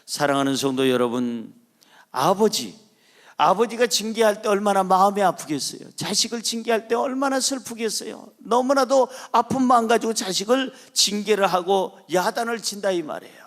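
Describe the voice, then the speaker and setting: Emphatic high-voiced male pastor preaching. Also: animated, normal speed, fairly bright tone. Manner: emphatic, repetitive, call-and-response with congregation. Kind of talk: sermon.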